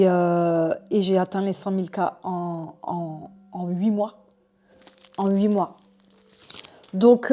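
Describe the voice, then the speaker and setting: A young woman vlogging spontaneously at home, chatty and excited as she talks to her viewers. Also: mid-range voice. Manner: chatty, excited, addresses viewers as "les gars". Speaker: online business vlogger. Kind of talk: spontaneous unboxing vlog. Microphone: desk microphone.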